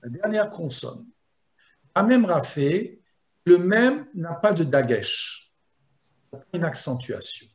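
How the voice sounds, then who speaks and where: A man teaching a Torah lesson as a rabbi, explaining slowly and chanting Hebrew verses in between. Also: on the high side, very animated. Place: video lesson.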